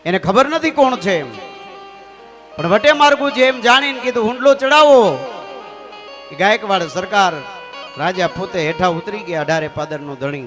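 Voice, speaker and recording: A man with a Kathiyawadi Gujarati accent spins a folk tale on a live stage, his voice pitched high and animated. He keeps turning to the audience as sir, while a guitar plays clearly behind him. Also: normal speed. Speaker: folk storyteller. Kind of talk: live folk storytelling with sung verse.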